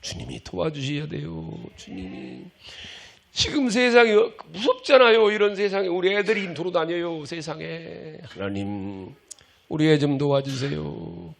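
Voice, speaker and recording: A middle-aged man preaching a sermon with a gravelly, textured voice. His pitch sits a little high and swings widely as he switches between scolding the flock in a homely way and acting out pleading prayers. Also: animated, unhurried, fairly bright tone. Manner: impassioned preaching, acts out prayers and pleas; folksy, scolding, conversational with the congregation. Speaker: pastor.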